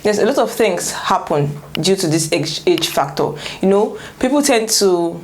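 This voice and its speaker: A woman's voice: lowish voice, expressive, moderate pace, a little mellow, a little hiss or hum. A woman hosting a casual discussion show, leading the talk with questions. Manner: leads with questions. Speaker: host. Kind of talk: casual panel chat.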